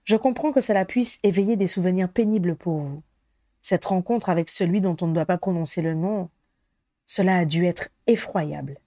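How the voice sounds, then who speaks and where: A woman's voice: mid-range voice, animated, normal speed, warm tone, no echo, lightly acted. A woman reading an eager polite ministry man. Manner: polite and enthusiastic. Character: courteous male ministry official, eager.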